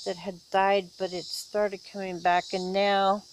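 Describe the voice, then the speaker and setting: A woman giving a casual, unhurried tour of her backyard garden, filming with a handheld camera outdoors and talking with many fillers and pauses. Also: medium pitch, little pitch movement, a little hiss or hum. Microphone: handheld camera, filming as she walks. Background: faint insects and outdoor ambience.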